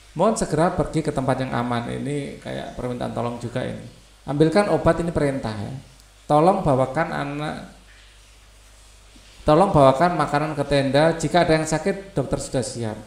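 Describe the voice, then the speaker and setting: Male teacher, gravelly, mid-pitched, roomy echo. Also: brisk. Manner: reads text aloud, then explains in loose asides. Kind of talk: explaining a textbook lesson.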